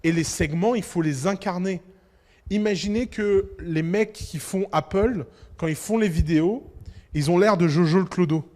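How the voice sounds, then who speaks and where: Emphatic high-voiced man in a reverberant hall. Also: normal speed, darkish tone. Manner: emphatic, rhetorical questions, acts out little dialogues. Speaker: entrepreneur giving a talk. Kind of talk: lively speech to an audience.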